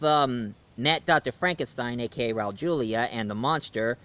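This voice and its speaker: A man reviews a movie in a mid-range, slightly bright, smooth voice. His delivery is loose and rambling, with fillers, restarts and self-corrections.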